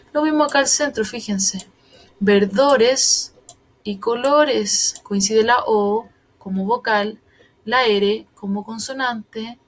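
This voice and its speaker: A woman teacher talks through a recorded lesson at an easy, methodical pace. Her voice sits a little high, and she keeps pausing to check that her students follow each step. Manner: patient, explains step by step, often checks understanding.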